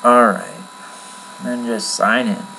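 A man's voice: on the low side, steady tone, takes it slowly, vocal fry, bright, forceful tone, poor audio. Offhand man with a faint mains hum. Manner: rambling and offhand, with many fillers. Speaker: tutorial maker. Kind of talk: casual screen-recorded software tutorial.

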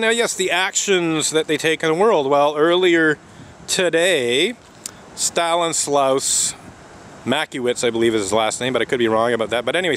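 A man's voice: a little high, fairly bright tone, slight background noise. A man speaking outdoors to a handheld camera in an unscripted, indignant commentary, stressing his points with repeated lists and occasional swearing. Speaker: protester vlogging. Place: outdoors on a city street.

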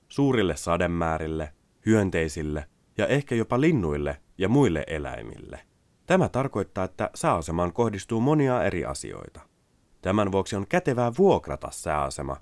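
A man narrating a scripted product voice-over in an even, explanatory way. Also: deep voice, dry recording.

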